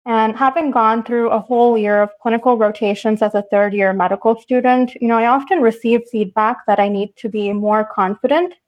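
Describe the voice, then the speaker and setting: A young woman in her twenties asks a podcast guest a prepared question, polite and earnest. Her remote audio sounds a bit dull and muffled. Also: on the high side. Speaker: medical student interviewer. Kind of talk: podcast interview.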